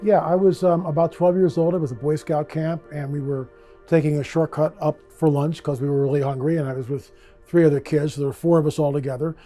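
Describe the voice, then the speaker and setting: A man with a fairly high but mellow voice tells a personal story in an animated way. His delivery is vivid and expressive. Quiet music runs underneath. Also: fairly quick. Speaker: interviewee. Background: faint music.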